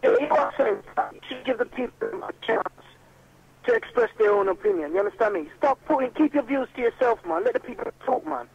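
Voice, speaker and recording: A very high, heavily gravelly man's voice calling in over a crackly, breaking-up phone line. It sounds muffled with a faint hiss, and he talks insistently, lecturing the host. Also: wildly swooping pitch, fairly quick. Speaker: radio phone-in caller.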